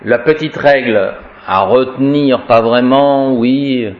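A man teaches Latin grammar at an unhurried pace. He talks in a wry, chatty way and recites declension forms aloud as drills. The recording sounds dull and lo-fi. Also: medium pitch. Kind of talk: informal Latin grammar lesson.

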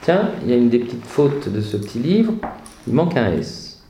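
A man's voice: mid-range voice, big pitch swings, moderate pace, mellow, slight background noise. A man teaching a Latin grammar lesson in a classroom, patient and lightly humorous, reciting declensions in rhythmic repetition. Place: classroom with students present. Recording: roomy classroom echo.

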